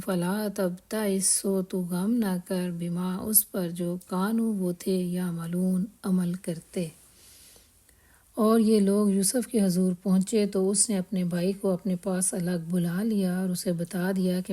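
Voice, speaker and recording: A woman teaching a scripture translation lesson, reciting each word in a measured way and then translating it. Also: medium pitch, warm tone.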